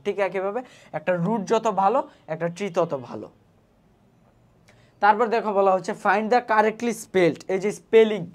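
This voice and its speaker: A Bangladeshi woman with a Bengali accent tutoring students for an admission exam, explaining step by step and often checking they follow. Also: mid-range voice. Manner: explains step by step, often asks "ঠিক আছে?"; spells words out syllable by syllable. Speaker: admission test English tutor. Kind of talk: exam prep lesson.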